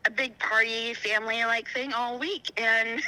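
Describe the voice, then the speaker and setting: Woman, from Iowa, high voice, crying with joy, overwhelmed, excitable, on a phone. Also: a little slow, smooth, rough recording. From Iowa, USA. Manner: overwhelmed and excitable, exclaiming often. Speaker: prize winner on the phone.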